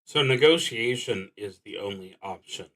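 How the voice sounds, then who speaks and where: A man streams a solo roleplaying game, reading the prompts aloud and thinking out loud in a slow, halting manner that fades into muttering. His voice is fairly low, and the audio quality is poor.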